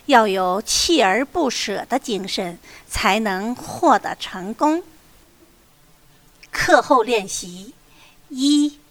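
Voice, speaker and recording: A woman reading a textbook lesson and its vocabulary list aloud with careful, expressive recitation. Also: on the high side, no room sound. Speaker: textbook reader.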